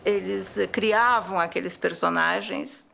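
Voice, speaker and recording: A woman reflecting in a measured way in an interview. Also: medium pitch, fairly even intonation, vocal fry, pushed and bright.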